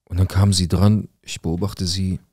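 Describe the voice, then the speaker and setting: A man's voice: low voice, level tone, normal speed, mellow, slightly rough, no room sound, clean studio sound. A man narrating a viewer's life story in the first person, in a casual, colloquial way that speaks straight to his viewers.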